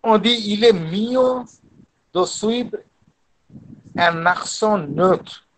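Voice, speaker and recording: Slow, high-voiced man lecturing in French. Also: poor audio. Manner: slow and deliberate, repeats himself, animated playful asides. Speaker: guest lecturer in a French teaching webinar. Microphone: video call.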